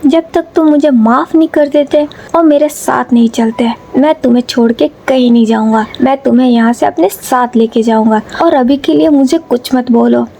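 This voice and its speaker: A woman's voice: high voice, moderate pace, vocal fry, few pauses, dark tone. A woman voicing a stubborn, cheerful young man who coaxes and pleads. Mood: pleading. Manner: coaxing, pleading.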